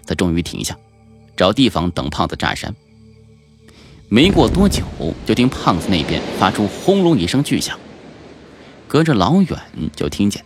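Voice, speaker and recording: A man narrating a novel in a colloquial, lively storytelling manner. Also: deep voice. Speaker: audiobook narrator.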